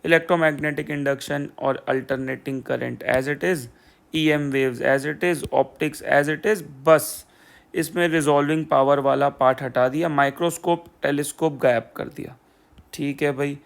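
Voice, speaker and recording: A man's voice: a little high, steady tone, a little slow, vocal fry. A young man explaining exam syllabus changes in a casual, sarcastic way, repeating the same phrases over and over. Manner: sarcastic, repeats "theek hai bhai" and "poora poora". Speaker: exam prep educator.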